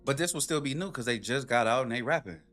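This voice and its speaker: A man streaming, reacting to a video with animated, profane, rhetorical ranting in casual commentary. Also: medium pitch, fast talker, faint music behind.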